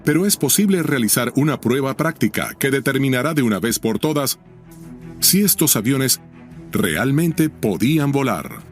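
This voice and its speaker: A man delivers scripted narration in the manner of a nature documentary. His medium-pitched voice is dramatic and intriguing, leaning into questions, with music playing behind him. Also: expressive, moderate pace.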